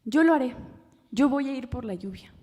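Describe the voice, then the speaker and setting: A woman voicing a tiny, brave little frog with a high, squeaky, croaking voice in a told story. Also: lively intonation, moderate pace, darkish tone. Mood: eager. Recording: long hall reverb.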